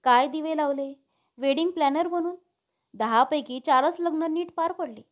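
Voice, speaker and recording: A woman's voice: sits high, moderate pace, close to an everyday voice. A woman voicing a fussy, nagging middle-aged mother in a storybook reading. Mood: scolding. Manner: teasing, nagging.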